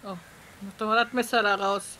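A woman's voice: medium pitch, level tone, a little fast, sharp tone. A woman giving casual gameplay commentary as a let's play host, chatty and musing aloud.

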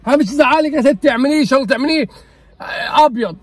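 Agitated young Egyptian man, high voice. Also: rapid-fire, no room sound. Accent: Egyptian Arabic. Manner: agitated, scolding, swearing oaths. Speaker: husband in a prank video. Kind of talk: casual heated argument. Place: outdoors on a street.

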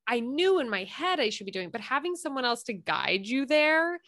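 A woman's voice: high-pitched, big pitch swings, moderate pace, a bit bright, no room sound, studio quality. A young pregnant woman hosting a casual interview chat, chatty and relatable with many fillers. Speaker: podcast host and trainer.

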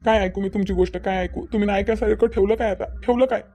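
A man's voice: high voice, steady tone, fast talker, warm tone. A man voicing a bitter, heartbroken young brother. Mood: reproachful. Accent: Vidarbha Marathi. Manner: bitter, reproachful, repeating himself. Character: heartbroken young man defending his sister. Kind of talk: cartoon dialogue acting.

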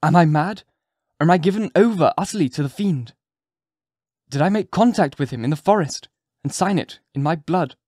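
A man's voice: fairly high pitch, animated, moderate pace, darkish tone, no room sound, clean studio sound, voice pushed up. A man voicing a tormented clergyman who speaks in a solemn, formal way. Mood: anguished. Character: tormented, anguished male clergyman, grave and formal.

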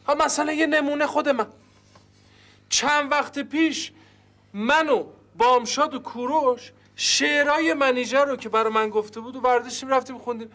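A lecturing, high-voiced detective. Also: male voice, a bit bright. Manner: lecturing, reproachful. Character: earnest scolding detective Ardalan. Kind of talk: TV sitcom acting.

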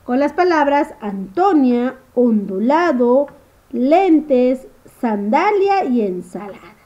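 A high, bouncy woman's voice teaching small children, her pitch swooping up and down as she drawls each word slowly. Her tone is mellow and soft. The sound is dull and lo-fi, like a home recording. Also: very animated. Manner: slow, sing-song teacher talk, stretching words, asking "¿sí?". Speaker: primary school teacher. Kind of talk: remote first-grade phonics lesson.

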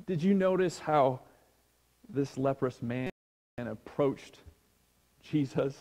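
A man preaching a sermon as a pastor, slow and hushed, sinking almost to a whisper on key words. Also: medium pitch, big-room sound. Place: church sanctuary.

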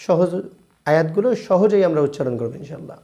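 A man teaching Quran recitation, chanting verses slowly and drawn out, then explaining the pronunciation in plain speech with a Bangladeshi Bengali accent. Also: a little high, animated, warm tone. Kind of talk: slow drilled recitation lesson.

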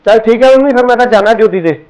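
A man's voice: extremely high pitch, very fast, darkish tone. An actor playing a young man on night duty who insists and complains to his mother and sister-in-law. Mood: aggrieved. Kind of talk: Punjabi short film acting.

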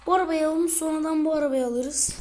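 A woman giving casual commentary on her gameplay, chatty and excitable, often turning to address her viewers. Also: high-pitched, fast talker, background noise. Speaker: gaming video creator.

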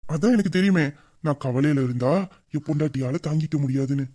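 Brief: performer doing a young husband, brooding and tender, mid-pitched, intimate audio-drama delivery. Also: fast, warm tone, lightly acted. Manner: emotional, intimate, endearing.

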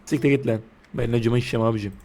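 A man's voice: mid-range voice, fairly even intonation, rapid-fire, noisy background. A young man from Turkey doing let's play commentary, joking crudely and shrieking when startled. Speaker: gaming YouTuber.

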